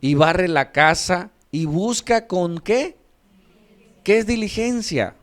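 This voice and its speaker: Slow, higher-voiced male pastor teaching. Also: lively intonation. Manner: asks the audience questions and answers them himself; reads scripture aloud with raised emphasis. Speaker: pastor teaching a sermon workshop. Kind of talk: teaching sermon workshop.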